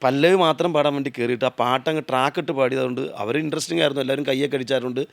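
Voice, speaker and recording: Male actor guest from Kerala, mid pitch with a gravelly edge, animated storyteller. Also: racing, no echo. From Kerala, India. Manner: animated storytelling, breaks into song snippets. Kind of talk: casual interview chat.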